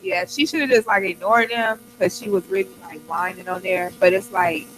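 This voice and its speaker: A man hosting an internet radio show, chatting casually in animated, slangy banter. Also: sits high, normal speed, faint music behind, low-quality recording. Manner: animated, slangy, talks over others.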